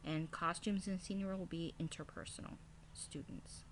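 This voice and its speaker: Low-pitched woman presenting a lesson plan. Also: moderate pace, a little hiss or hum. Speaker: kindergarten teacher.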